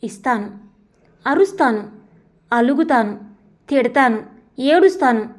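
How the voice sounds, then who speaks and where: Woman voicing a calm, resigned wife. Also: a little high, lightly acted. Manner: measured, reasoning.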